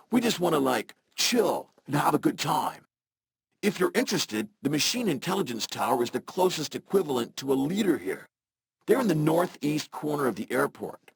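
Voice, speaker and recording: A man's voice: on the high side, vocal fry, husky, dry recording, exaggerated voice. A man voicing a laid-back, friendly male robot in a video game, with a robotic filter on his voice and a casual, slangy way of talking.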